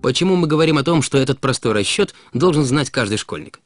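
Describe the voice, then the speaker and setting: A man with an animated, medium-pitched voice narrates a scripted explainer at a quick pace, teaching didactically and putting rhetorical questions directly to listeners. The studio-quality recording has no room sound, and background music plays beneath him.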